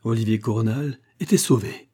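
A man reading a novel aloud in dramatic audiobook narration, with expressive rises and falls. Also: on the low side, moderate pace, slightly rough.

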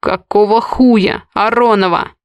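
A woman reading the lines of a brooding, harsh young man in an audiobook, in a low, curt, growling voice. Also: little pitch movement, brisk, no room sound, natural voice.

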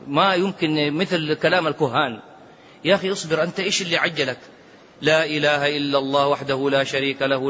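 A man giving religious rulings in a lively lecture, swinging between raised and hushed tones and chanting recitations. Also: on the high side. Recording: dull lo-fi recording with faint noise.

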